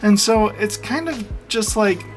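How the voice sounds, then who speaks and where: Faint music plays behind a man with a high-pitched, animated voice who talks a little slowly while hosting a meme reaction video. His commentary is casual and opinionated, full of rambling and frequent laughs.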